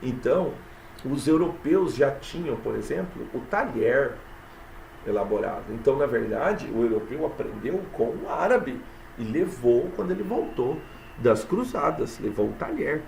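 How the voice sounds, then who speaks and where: A man teaching literature in a mid-range, gravelly voice. He explains patiently and keeps checking in with his students. He reads verses slowly to count the syllables. The sound is echoey, with faint background noise. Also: mid-range voice, big pitch swings, darkish tone. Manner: explanatory, repeats "tá?" and "né?" often. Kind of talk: recorded classroom lesson. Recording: echoey room with light ambient noise.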